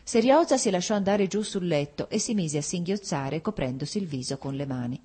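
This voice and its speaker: A woman narrating a classic novel aloud in a measured, expressive reading. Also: deep voice, breathy edge. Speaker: audiobook narrator.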